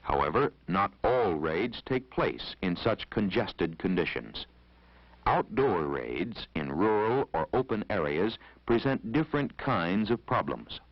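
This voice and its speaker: With a deep, sing-song voice, an American man narrates an instructional film formally and authoritatively at a measured pace, backed by a vintage 1970s soundtrack. There's no room sound, and the audio is dull.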